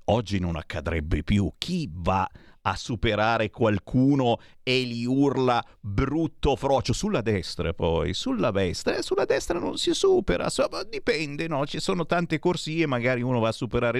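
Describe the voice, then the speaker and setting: A man's voice: lowish voice, no echo, studio quality. A man commentating to his viewers in a sarcastic, provocative casual monologue. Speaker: online commentator.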